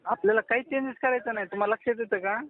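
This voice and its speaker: On a phone call, a man with a Marathi accent from Maharashtra speaks casually in a voice that sits high, talking very fast and insistently repeating his instructions. The recording sounds tinny, like a phone line.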